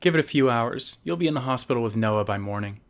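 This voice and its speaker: A man voicing a wisecracking teenage boy in a novel reading, teasing with quick quips. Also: mid-range voice, animated, lightly acted.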